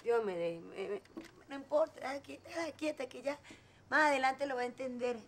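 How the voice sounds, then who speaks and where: An actress with a Venezuelan accent playing a soothing mother figure who calms a family quarrel in a telenovela. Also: high voice, fairly quick, slight background noise. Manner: soothing, calming. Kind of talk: telenovela acting.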